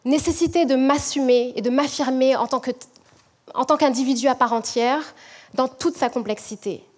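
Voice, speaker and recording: A woman from French Guiana, a management professor, giving a measured, reflective prepared talk to an audience. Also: sits high.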